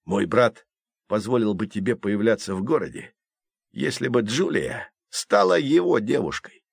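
A man's voice: lowish voice, expressive, measured pace, gravelly, breathy edge, dry recording, heavily acted. A man voicing a spiteful older boy bully who hisses and taunts. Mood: mocking whisper. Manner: hissing, spiteful. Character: eldest Flint brother, spiteful lanky bully.

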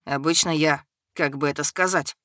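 A woman voicing a timid boy who is a dark tower spirit, speaking in a hesitant, subdued way. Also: deep voice, steady tone, normal speed, dry recording, clean studio sound.

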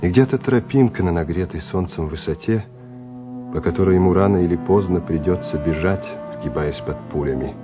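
Reading scripted, dramatic narration, a man serves as the narrator of a radio play at a normal speed, his voice sitting low. It's a muffled old radio recording with music in the background.

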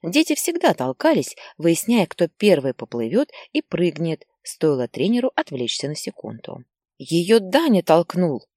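Woman reading a story aloud, low voice but lots of up and down, dry close mic. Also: normal speed, hardly any pauses, no room sound. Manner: expressive, dramatic reading. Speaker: narrator.

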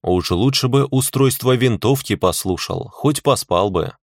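A man's voice: mid-range voice, expressive, a little slow, dry recording, studio quality. A man narrating an audiobook in the first person, wry and matter-of-fact.

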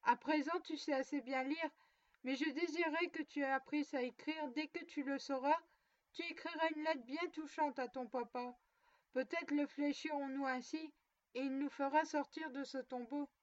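A woman voicing a tender, grieving imprisoned mother who speaks softly and soothingly. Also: high-pitched, steady tone, normal speed, lightly acted. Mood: gentle. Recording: dull dry lo-fi recording.

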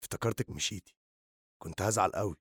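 A man voicing a joking teenage boy who smokes, with an Egyptian accent, speaking low and quietly in an audiobook reading. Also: fast, breathy edge, dry recording, studio quality, exaggerated voice. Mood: gentle teasing. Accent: Egyptian Arabic.

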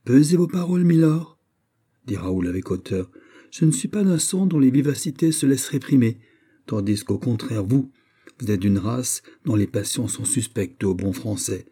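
A man reading aloud, voicing a calm, cold and proud young French nobleman in an audiobook. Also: lowish voice, normal speed, breathy edge. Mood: haughty.

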